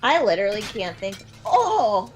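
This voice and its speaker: A woman chatting casually while watching a film, quick to react and joke. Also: mid-range voice, sing-song, rough recording. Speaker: movie reaction co-host. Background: film soundtrack playing.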